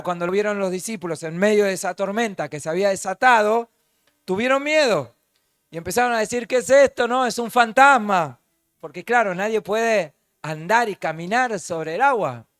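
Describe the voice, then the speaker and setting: A pastor with a Rioplatense accent preaches in a high voice, leaning hard on key words and drawing them out. He keeps turning to the congregation with rhetorical questions. The sound is close and dry, with no room echo. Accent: Rioplatense Spanish. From Argentina. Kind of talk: sermon.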